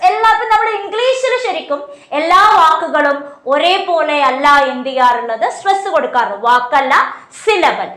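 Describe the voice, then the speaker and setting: A woman teaching an exam coaching class. She poses questions and answers them herself, reading slowly and explaining quickly. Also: high voice, a bit bright, echoey room. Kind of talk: online class lecture.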